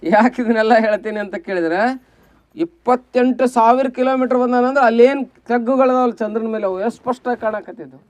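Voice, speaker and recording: A man's voice: extremely high pitch, fairly quick, no echo. A man with a North Karnataka accent gives a devotional storytelling talk to children, constantly putting questions to his listeners. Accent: North Karnataka Kannada. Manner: keeps asking the audience questions. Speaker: speaker at a children's devotional program.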